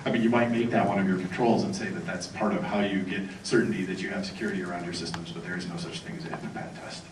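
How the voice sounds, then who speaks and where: A man's voice: deep voice, steady tone, rapid-fire. A man giving a sarcastic, profane conference talk, mocking his targets and bantering with the audience. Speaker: conference speaker. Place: conference hall. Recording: echoey hall, distant mic, noisy.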